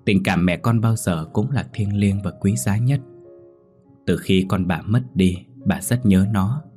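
A man voicing a kind, grieving old village woman who speaks gently and sorrowfully. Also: sits low, unhurried, faint music behind.

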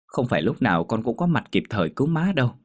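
A man voicing a gentle, worried young woman who speaks softly and hesitantly. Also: medium pitch, big pitch swings, fast talker, voice pushed up. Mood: pleading. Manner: soft, hesitant, stammering.

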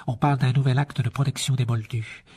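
A man's voice: medium pitch, fairly even intonation, a little fast, darkish tone, slightly rough, close to an everyday voice. A man reading an audiobook, voicing a cold, haughty aristocratic wizard father who speaks in a clipped, condescending way.

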